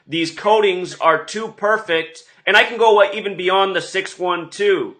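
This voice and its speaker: An online video host delivers a rambling, insistent monologue with emphatic force. His voice is high-pitched and fairly bright, and he speaks a little slowly.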